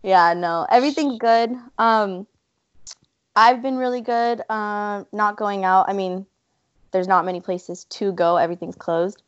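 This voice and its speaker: A woman's voice: medium pitch, unhurried, clear, resonant tone, highs cut off. A young woman, a student guest chatting casually with lots of "like". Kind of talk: casual interview chat.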